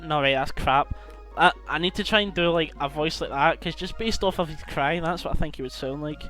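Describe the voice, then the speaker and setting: A man's voice: a little high, a little fast, sharp tone. A young man rambling and swearing as he commentates on his game playthrough. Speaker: let's play host. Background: game music.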